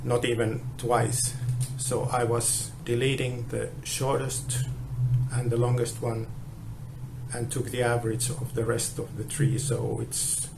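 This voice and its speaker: Man on a low-quality phone recording, flat and halting delivery, steady background noise. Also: creaky. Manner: halting, with frequent restarts. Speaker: guitar tester. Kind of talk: explaining a measurement test.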